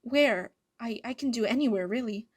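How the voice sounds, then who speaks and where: A woman's voice: fairly high pitch, expressive, slow pace, a little mellow, full character voice. A woman voicing an earnest teenage boy who stammers when he is shaken, in a fan reading of a story. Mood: stunned.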